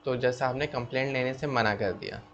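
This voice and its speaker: A man's voice: medium pitch, fairly quick, fairly bright tone. A man teaching law, explaining step by step and often checking in with "okay". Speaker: law lecturer. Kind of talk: explanatory lecture. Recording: slightly dull lo-fi sound with faint background noise.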